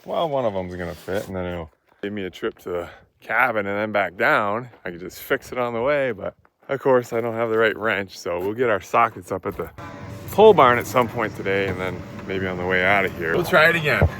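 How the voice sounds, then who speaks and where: A man's voice: fairly low pitch, expressive, brisk, fairly bright tone, slight background noise. A middle-aged man narrating his cabin building in a casual, folksy, self-mocking way. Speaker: vlogger building a log cabin. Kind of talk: casual narration while working. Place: outdoor building site.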